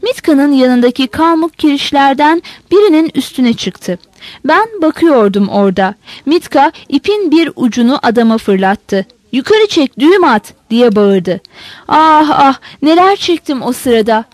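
A stammering peasant woman telling of horror through sobs, read by a woman. Her voice sits high, close and dry, with no room around it. She sounds shaken and breathless with fear. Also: lively intonation, measured pace, a little mellow, no echo. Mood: frightened. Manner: stammering, sobbing account.

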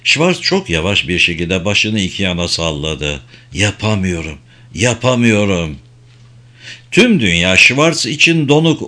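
Man reading a novel aloud, calm and measured, middle pitch. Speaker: audiobook narrator. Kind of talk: scripted narration.

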